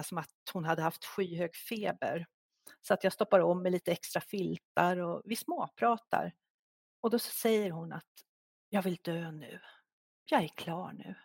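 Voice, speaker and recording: A middle-aged woman, a guest author in an interview, telling a personal story in a soft, halting, reflective way. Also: fairly low pitch, vocal fry, dry recording, studio quality.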